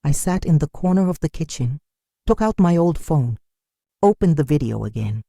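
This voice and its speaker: An older woman telling a first-person story in a sombre, measured, wounded way. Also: deep voice, warm tone, no echo, clean studio sound. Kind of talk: scripted first-person narration.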